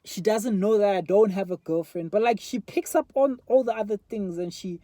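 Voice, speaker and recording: This is a casual, reflective vlog monologue from a South African man in his twenties, rambling candidly with lots of fillers into his phone's front camera. His high-pitched voice is warm at normal speed, and the recording is dry.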